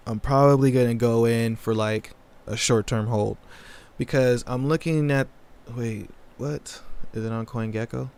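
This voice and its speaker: A man's voice: medium pitch, smooth. A man hosting a casual livestream, answering chat questions in a laid-back, slangy way. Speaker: crypto livestream host.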